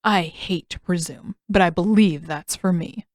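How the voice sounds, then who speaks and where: A woman's voice: lowish voice, unhurried, no room sound, clean studio sound, natural voice. A woman voicing a smug, sarcastic male naval admiral in a fan audiobook reading, with a mocking edge.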